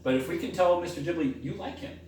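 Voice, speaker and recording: A man speaking as a school counselor in a role-play conversation, calm and reassuring like a therapist, rephrasing as he goes. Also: on the high side, fast. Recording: very echoey room, distant mic, faint hum.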